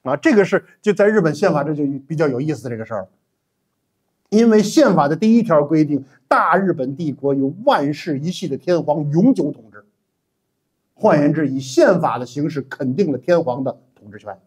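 A middle-aged man giving an animated, emphatic history lecture as a teacher, with frequent 'ah' fillers. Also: fairly high pitch, normal speed, slightly rough. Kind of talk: classroom-style history lecture.

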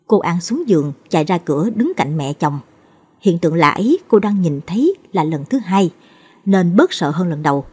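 A woman telling a ghost story as scripted narration, voicing the characters' lines with shifts in pitch. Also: big pitch swings, normal speed, a little mellow, husky.

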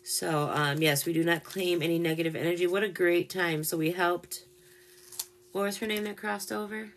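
A woman hosting a paranormal live stream in casual chat, gentle and openly emotional as she speaks to spirits directly. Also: on the low side, fairly even intonation, moderate pace.

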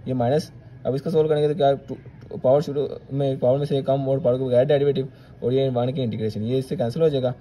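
Fast-talking, dark-voiced male maths teacher. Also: mid-range voice, fairly even intonation, slight background noise. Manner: talks students through each step, checking with "theek hai". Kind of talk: step-by-step maths lesson.

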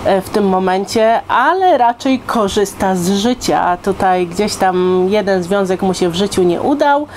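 Casting: woman, thirties, informal book vlogger, conversational and full of check-in questions, medium pitch, noticeable background noise. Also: animated, unhurried, hardly any pauses, darkish tone. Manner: conversational, addresses listeners with frequent rhetorical check-in questions. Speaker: book reviewer. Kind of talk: casual chatty book review to camera. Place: indoors, living room on a sofa.

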